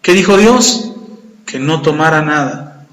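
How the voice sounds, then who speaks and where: A man preaching a sermon, retelling scripture with animated, acted-out dialogue. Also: on the high side, unhurried. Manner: animated storytelling, acting out voices in quotes. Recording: echoey hall with long reverb.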